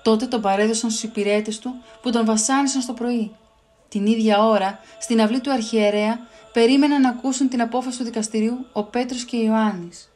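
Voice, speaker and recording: A woman's voice: on the high side, steady tone, darkish tone. Woman reading a children's Bible story.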